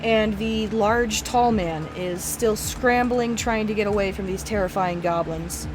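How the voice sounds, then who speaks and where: A woman running a tabletop game as game master, relaxed and full of fillers. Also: medium pitch, measured pace, background noise.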